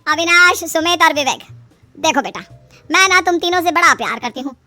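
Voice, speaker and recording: A woman's voice: very high-pitched, expressive, a little fast, pushed and bright, full character voice. A woman voicing a middle-aged mother-in-law in a story, coaxing and plaintive as she schemes. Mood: coaxing, scheming. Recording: music behind the voice.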